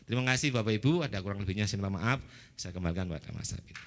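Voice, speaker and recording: A man giving a testimony at a church service, quizzing the congregation in a lively way. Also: on the low side, rapid-fire. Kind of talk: spoken testimony.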